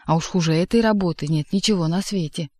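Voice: medium pitch, fast talker, darkish tone, no room sound, clean studio sound, natural voice. Figure: a reader doing a boastful talking cat. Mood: grumbling. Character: huge talkative male cat, boastful. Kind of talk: audiobook reading.

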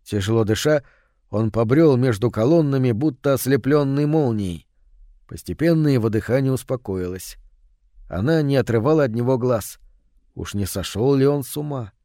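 A man reading a story aloud as narrator in a calm, measured way. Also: mid-range voice, no room sound, studio quality. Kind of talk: scripted audiobook narration.

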